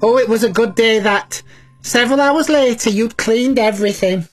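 This woman's natural voice sits on the high side and moves at a normal speed, with faint music underneath. She's a children's show presenter playing a cheeky, talkative old granny cleaner, cheerfully addressing children at home.

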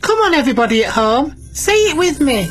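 In character as a chatty, cheeky elderly granny cleaner, a female children's show presenter talks cheerily to kids at home. Her voice is high-pitched and brisk with big pitch swings, and faint music sits behind her.

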